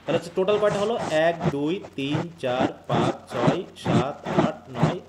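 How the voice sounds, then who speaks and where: A man's voice: on the high side, lively intonation, moderate pace, very noisy. A man from Bangladesh teaching English literature in a live online class. He explains step by step, mixes English terms into his speech and keeps quizzing his students.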